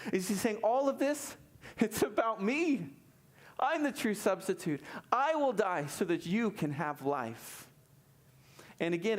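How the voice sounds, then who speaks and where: A man preaching in a church, his voice sitting a little high for a man. He moves between quiet, low stretches and emphatic, lifted ones, and he repeats his key lines for weight. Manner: animated, swings between soft and emphatic, repeats key phrases. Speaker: pastor. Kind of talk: sermon. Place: church service.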